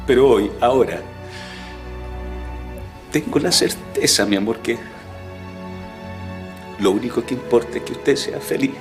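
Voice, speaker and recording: Soap-opera father played by a male actor: quavering voice, humble and remorseful, halting delivery, music clearly underneath. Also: medium pitch, natural voice. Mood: emotional, pleading. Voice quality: trembling, quavering voice with emotion. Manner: halting, earnest, emotional. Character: tender, remorseful father speaking humbly to his daughter. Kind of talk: television melodrama acting. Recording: loud music over soap dialogue.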